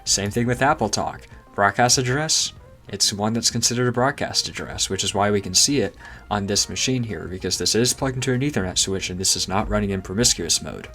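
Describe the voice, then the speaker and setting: A man's voice: on the low side, brisk, sharp tone, faint music behind. A man hosting a tech channel through a voice changer that makes him sound synthesized and robotic, walking through a screen casually and asking rhetorical questions. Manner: chatty, rhetorical questions, amused at obscure jargon. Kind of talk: casual technical screen walkthrough.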